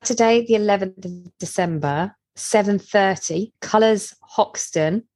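A woman's voice: medium pitch, a little slow, a little mellow. A woman co-hosting a podcast, chatting casually with giggly, self-mocking banter. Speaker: podcast co-host. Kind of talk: casual chat.

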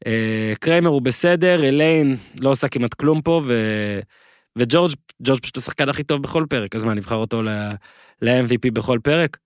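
A man co-hosting a podcast in casual chat, rambling and gushing with excited repeats. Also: medium pitch, smooth, no echo, studio quality. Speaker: podcast co-host.

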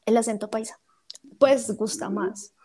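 Playful Colombian woman, a bit high. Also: steady tone, unhurried, warm tone. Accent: Colombian Spanish. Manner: playful, giggly. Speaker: guest panelist. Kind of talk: casual panel chat.

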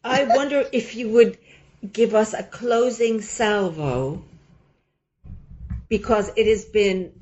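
A woman hosting a podcast interview, polite and formal, sometimes pausing to search for her words. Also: medium pitch, a little mellow, highs cut off. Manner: courteous, formal, a little halting. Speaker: interview host.

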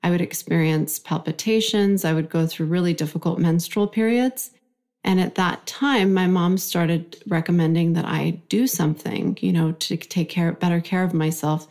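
A woman's voice: lowish voice, fairly even intonation, normal speed, a little mellow. A woman in her forties, from Iran, telling her life story reflectively in an interview. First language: Farsi. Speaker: guest. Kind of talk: conversational interview.

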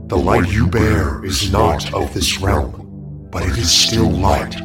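A man voicing an ancient spirit inside a magic wand, speaking slowly and commandingly. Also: expressive, a bit bright, exaggerated voice. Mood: solemn. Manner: slow, booming, commanding. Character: ancient hungry wand spirit, vast and solemn. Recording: music playing under the voice.

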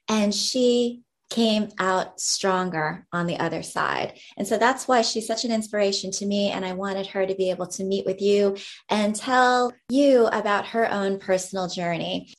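A woman hosting an interview, effusive and bubbly, laughing readily. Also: mid-range voice. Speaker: podcast host. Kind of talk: casual interview.

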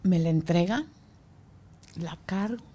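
A woman sharing an emotional personal story as a guest, speaking haltingly and dropping almost to a whisper at tender moments. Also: lowish voice, warm tone.

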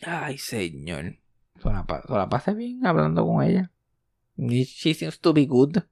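A man's voice: fairly high pitch, measured pace, creaky, no echo, studio quality. A young man with a Puerto Rican accent, telling a joking family anecdote in a casual chat. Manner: animated, joking, tumbling anecdotes.

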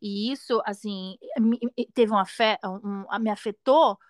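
A woman's voice: medium pitch, a little slow, no echo, studio quality. A woman guest chatting casually and hesitantly, with many restarts. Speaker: guest, English learner. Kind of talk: casual conversation.

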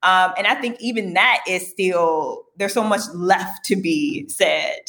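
Animated woman hosting a podcast chat. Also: lowish voice, takes it slowly. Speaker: podcast host. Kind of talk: casual interview chat.

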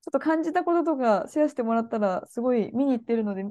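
A woman co-hosting a podcast in casual chat, animated and playful. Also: a little high, rapid-fire. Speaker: podcast co-host.

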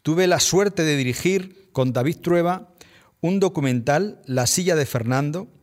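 A man with a Spanish accent hosting a podcast, reading a scripted narration in a measured, reflective way. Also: a little high. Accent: Spain Spanish. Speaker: podcast host.

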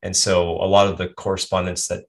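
This guest is a health and performance coach from the United States whose low, creaky voice moves little in pitch and runs a little fast. He handles the interview questions in a reflective, meandering way, full of restarts and side remarks.

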